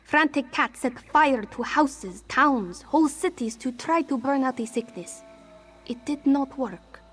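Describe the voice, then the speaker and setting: In this fantasy game dialogue, an unhurried, husky yet high-leaning female voice plays a street-hardened cat-folk thief. She sounds grim, anxious and defensive, referring to herself in the third person and avoiding contractions in her stiff, formal speech, while music plays in the background.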